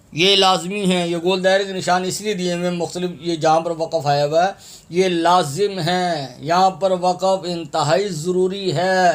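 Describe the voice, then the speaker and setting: A high-pitched man leads a recitation lesson, breaking words into letters and vowel marks. He repeats every point patiently and earnestly asks listeners to fix their pronunciation. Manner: patient, repeats each sound several times, earnest pleading. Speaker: Quran recitation teacher. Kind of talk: tajweed lesson, spelling out and drawing out verses.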